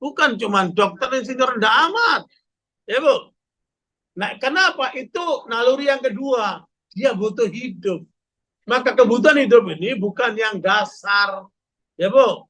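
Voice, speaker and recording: A man preaching to a women's study group, animated and full of rhetorical questions, often calling out to his listeners. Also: very high-pitched, unhurried, pauses often. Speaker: Islamic preacher.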